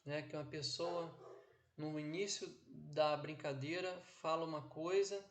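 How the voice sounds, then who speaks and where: A man with a slightly high voice, teaching a class recorded at home. He speaks slowly and deliberately, stretching his phrases and checking in with listeners after nearly every point. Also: fairly even intonation. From Brazil. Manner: didactic, drawn-out phrasing with frequent "ok?" and "né?". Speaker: instructor. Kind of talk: online lecture. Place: home office. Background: background noise.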